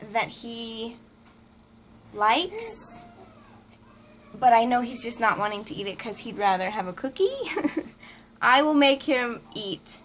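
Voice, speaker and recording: A woman's voice: mid-range voice, pushed and bright, a little hiss or hum. A mom vlogger chatting casually to the camera at home, laughing often and breaking off to talk to her toddler. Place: family home, indoors.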